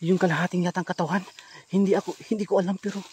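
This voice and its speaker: A man's voice: sits high, flat delivery, very fast, a little mellow, slight background noise. A man with a Filipino accent hosting a ghost-hunting vlog, startled and shaky as he talks straight to his viewers. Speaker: ghost hunter vlogger. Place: outdoors at night in rural brush. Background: crickets chirping.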